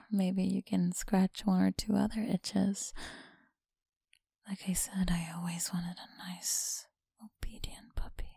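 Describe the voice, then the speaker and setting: Voicing a teasing, possessive school bully for ASMR, a young woman uses a slow, breathy, mocking whisper right by the mic, heavily acted. The mid-range voice is dark-toned with a flat delivery, and there's no echo.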